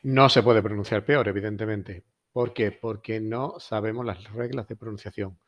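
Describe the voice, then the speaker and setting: A man's voice: on the low side, fairly even intonation, normal speed, no room sound, dull audio. A man teaching a French lesson in a chatty way, often asking rhetorical questions. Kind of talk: recorded lesson.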